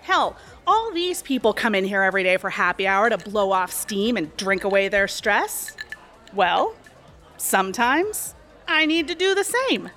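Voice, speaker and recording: A woman's voice: medium pitch, big pitch swings, unhurried, sharp tone, soft background music. An actress in her thirties playing a sly, chatty cocktail waitress and aspiring actress in an audio drama. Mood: breezy. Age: 30s. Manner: chatty, sly, sweetly condescending. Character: scheming woman bar waitress, aspiring actress.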